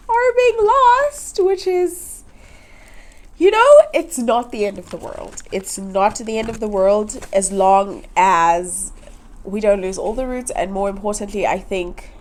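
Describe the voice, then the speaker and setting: A woman's voice: medium pitch, animated, measured pace, darkish tone. A young woman hosting a plant channel, chatting casually while repotting, her voice nasal from hay fever, often giggling and rambling. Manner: giggly, rambling, chuckles to herself.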